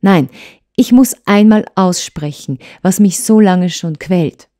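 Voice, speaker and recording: A woman voicing a hurt young wife who pleads and reproaches her husband with urgency, in a mellow tone. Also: fairly low pitch, a little slow. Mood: reproachful.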